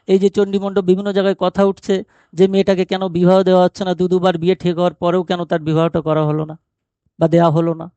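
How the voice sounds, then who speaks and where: Acting as a teacher, a man retells a short story in an explanatory lesson, posing rhetorical questions and answering them himself. His voice is high and a little mellow, captured in a dry, dull recording.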